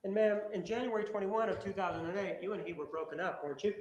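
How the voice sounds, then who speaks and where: A man's voice: high-pitched, quick pace, darkish tone, dull audio. A man prosecuting at a trial, cross-examining a witness with pressing, repetitive, combative questions. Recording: echoey courtroom audio.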